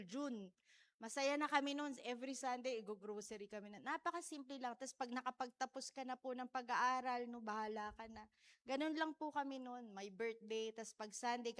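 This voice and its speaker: Lady in her 40s giving a heartfelt church sharing, kinda high voice, keeps asking the crowd "right?". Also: a bit bright. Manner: heartfelt, tag-questioning, tearful in places. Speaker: church speaker. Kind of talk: Taglish sharing in a church service.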